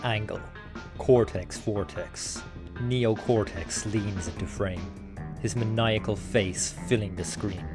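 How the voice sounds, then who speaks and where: A man narrating screenplay stage directions in a deliberate, theatrical dramatic reading. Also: lowish voice, over music.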